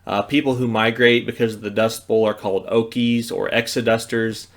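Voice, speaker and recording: A man's voice: lowish voice, steady tone, normal speed. A man in his thirties with an American accent, giving a casual recorded history lecture indoors. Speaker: history teacher. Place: small indoor study or office, seated at desk.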